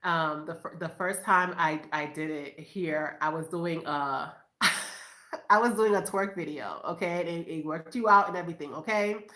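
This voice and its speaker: A woman's voice: on the low side, moderate pace, pushed and bright. A woman from Boston, a mother of five, chatting casually and upbeat with viewers on a live stream at home, often laughing and calling them you guys. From Boston, USA. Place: at home, in her room. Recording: echoey room.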